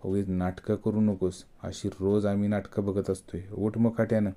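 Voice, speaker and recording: A man voicing a harsh, bullying male police officer who barks orders in a gruff tone. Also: lowish voice, level tone, moderate pace, mellow, lightly acted.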